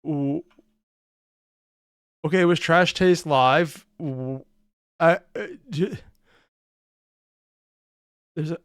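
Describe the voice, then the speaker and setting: A man hosting a reaction video, commenting casually off the cuff in halting, rambling asides. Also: on the high side, clear, resonant tone, dry recording, clean studio sound.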